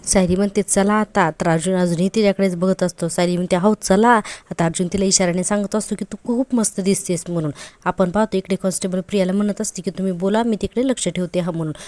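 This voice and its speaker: Talking fast in a warm, medium-pitched voice with fairly even intonation, a woman retells an episode of a TV serial in a dry recording. She keeps it chatty, quoting characters in her own voice and adding admiring comments.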